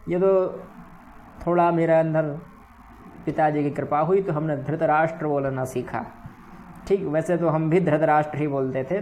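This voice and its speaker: A man teaching Sanskrit recitation, saying verse words slowly and correcting how each sound is pronounced, often checking in with "ठीक है". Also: on the high side, darkish tone. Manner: slow, careful pronunciation drills. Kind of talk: recitation lesson.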